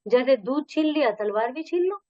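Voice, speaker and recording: A woman's voice: high-pitched, lively intonation, normal speed, mellow, dry recording. A woman reading the lines of a bold young village boy from a textbook story, in a dull, dry recording. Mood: defiant. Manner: reading dialogue aloud from a textbook.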